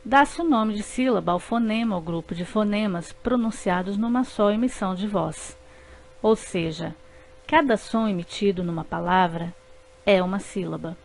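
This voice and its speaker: A Brazilian woman narrating a scripted lesson, spelling words out syllable by syllable. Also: mid-range voice. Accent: Brazilian Portuguese.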